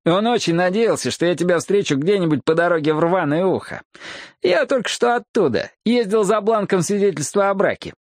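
A man voicing a smug, gloating frontiersman rival in an audiobook, with a high, mock-pitying voice. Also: expressive, fairly quick, dry recording, clean studio sound. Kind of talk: audiobook character voice.

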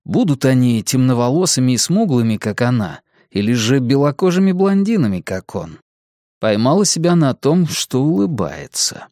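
A man narrating an audiobook in a measured, even storytelling manner. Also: mid-range voice, no echo, clean studio sound. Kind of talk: scripted narration.

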